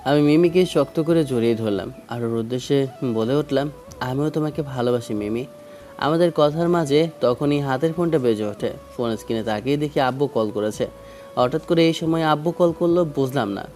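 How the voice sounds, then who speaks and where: A man's voice: mid-range voice, a little fast, darkish tone, faint music behind. A young man narrating a romantic audio story in the first person, with dramatic emotion.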